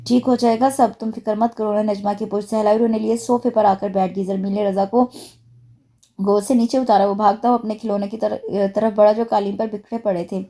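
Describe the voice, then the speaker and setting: A woman narrating a dramatic novel in a steady, emotive reading. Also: mid-range voice, brisk. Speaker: audiobook narrator.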